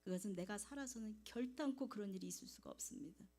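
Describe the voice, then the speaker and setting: Korean woman preaching, mellow and warm. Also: mid-range voice. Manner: storytelling, with pauses and hushed asides. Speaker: evangelist preacher. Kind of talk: sermon with personal testimony. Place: church sanctuary.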